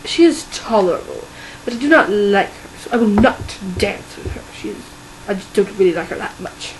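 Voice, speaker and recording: A woman voicing a haughty young gentleman who speaks in a flat, disdainful way. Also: mid-range voice, moderate pace, a little hiss or hum, natural voice, poor audio.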